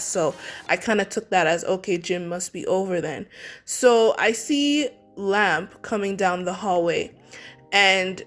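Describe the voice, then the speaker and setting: A young woman, a beauty vlogger, telling a story in a casual, rambling way, filling it with "like" and restarts. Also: medium pitch. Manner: rambling, heavy use of 'like', many restarts. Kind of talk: casual storytime while doing makeup.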